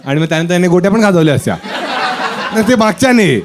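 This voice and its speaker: Teasing male comedian, lively crowd. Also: high voice, racing, noisy background. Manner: teasing, playful, chatty with audience. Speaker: stand-up comedian. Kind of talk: crowd work on stage. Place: live comedy show with audience. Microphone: handheld stage mic. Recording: live show with loud crowd laughter.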